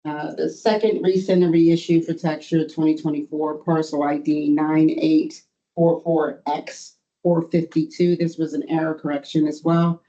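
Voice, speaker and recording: A board administrator giving a formal procedural report at a meeting, speaking in a halting way. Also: mid-range voice, flat delivery, mellow. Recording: muffled, band-limited meeting audio.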